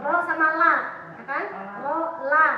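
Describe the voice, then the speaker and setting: A woman teaching a class. She quizzes her students and repeats sounds slowly to demonstrate them. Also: sits high, level tone, a little hiss or hum. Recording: echoey hall, far from the mic, dull sound.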